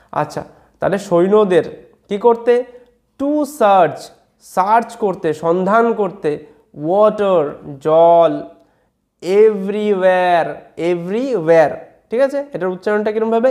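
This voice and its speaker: A teacher with a Bengali accent, giving an English reading lesson and explaining each word slowly. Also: medium pitch, darkish tone. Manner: explains slowly word by word, often asks "ঠিক আছে?".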